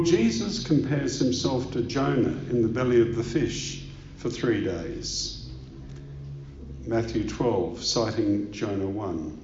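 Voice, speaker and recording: A man's voice: medium pitch, a little mellow. A man preaching a sermon, asking rhetorical questions and telling stories with emphasis. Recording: echoey room, dull lo-fi sound.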